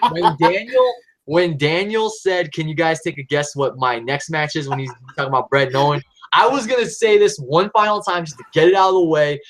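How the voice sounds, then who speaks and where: A man's voice: on the high side, a little fast, fairly bright tone. A man hosting a casual podcast chat who agrees readily and steers the talk. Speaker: host.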